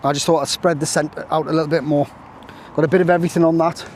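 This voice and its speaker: A chatty man talks to camera as he fishes on a breezy riverbank, his voice sitting a little high for a man. He rambles easily with jokey, self-mocking asides, and a faint hum of town and traffic sits behind him outdoors. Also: steady tone, fast talker, a little mellow. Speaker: angling vlogger. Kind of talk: casual chat to camera while fishing. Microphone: camera on a stand, at times stepping away.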